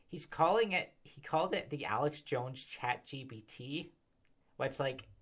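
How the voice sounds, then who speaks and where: A man with a mid-range, slightly bright voice hosts commentary at a desk mic, speaking a little slowly. His casual talk rambles, full of sighs, filler words and exasperated asides.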